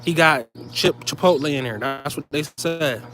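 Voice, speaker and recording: A man's voice: fairly high pitch, normal speed, a bit bright, faint music behind. A man delivering heated, profane commentary straight to his viewers, blunt and scolding.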